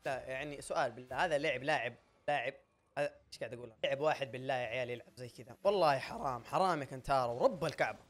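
A young man giving loud, excitable gameplay commentary, often shouting and laughing at his own plays. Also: medium pitch, racing. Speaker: gaming YouTuber.

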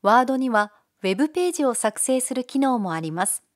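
A woman giving calm, polite, step-by-step narration for a software tutorial. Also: fairly high pitch, brisk. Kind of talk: scripted screencast narration.

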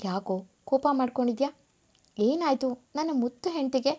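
A woman reading a story voices a young husband who softly coaxes his wife. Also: high-pitched, animated, unhurried. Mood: tender. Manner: soft, coaxing. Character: young husband, tender and coaxing.

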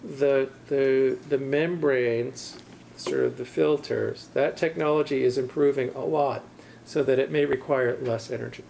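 A man's voice: mid-range voice, fairly even intonation, measured pace, gravelly, darkish tone, slight background noise. A middle-aged man lecturing in a university classroom, answering audience questions in a thoughtful, hedging way with many restarts.

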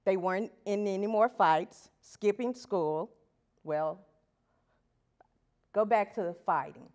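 A woman's voice: medium pitch, slow, a little mellow. A woman teacher giving a prepared talk at an education event, earnest and putting rhetorical questions to the audience. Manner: reads from prepared pages. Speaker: elementary school teacher.

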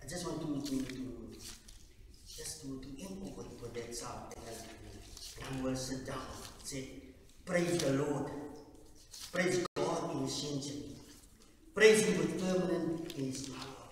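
A man from South Africa serves as lay preacher at communion, his voice surging to loud, fervent peaks and then dropping into hushed, low stretches. He stumbles frequently, repeating words and restarting, heard from a distance in a large echoing church hall with faint hiss.

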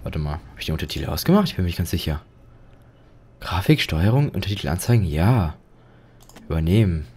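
Tiefe, heisere Stimme eines nervösen jungen Mannes. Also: male voice, low-pitched, sing-song, a little fast, pauses often, darkish tone, breathy edge. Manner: jittery, rambling, jokey, yelps when startled. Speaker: let's play commentator. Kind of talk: horror game commentary.

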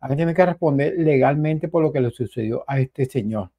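A man's voice: mid-range voice, moderate pace, mellow. A man giving casual, emphatic news commentary, often repeating himself and speaking directly to his viewers. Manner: emphatic, repetitive, keeps addressing viewers as "señores".

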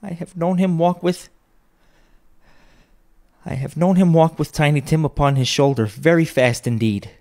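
Man voicing a soft, higher-pitched grieving mother. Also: animated, moderate pace, creaky, pauses often. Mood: tender, steadying herself. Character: gentle grieving mother of a poor Victorian family.

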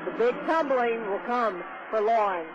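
High-voiced man analyzing gymnastics on radio. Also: expressive. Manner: technical, measured move-by-move analysis. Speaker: color analyst. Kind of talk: live radio sports commentary. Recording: dull noisy radio broadcast.

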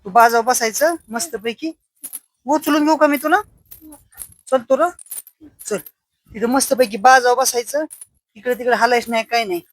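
A woman with a fairly high voice, talking to a child in a warm, fussing way that turns to mild scolding. Her sound is close and dry, with no room around it. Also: no echo. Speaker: vlogger. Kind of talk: casual family chat.

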